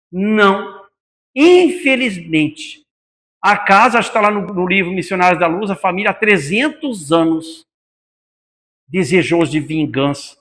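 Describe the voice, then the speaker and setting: Brazilian man, high voice, spiritist lecture, rhetorical questions to the audience, long hall reverb. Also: fairly bright tone. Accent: Brazilian Portuguese. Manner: addresses listeners as brothers, many rhetorical questions. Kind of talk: spiritist talk to a live audience. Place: meeting hall of a spiritist center.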